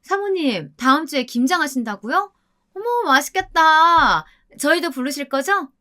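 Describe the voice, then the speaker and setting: A woman voicing a bossy manager's wife who fawns on her superior and scolds those below her, in a high, sharp voice. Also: lively intonation, normal speed, close to an everyday voice. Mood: fawning. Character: shrill bossy young-ish wife, fawning then scolding.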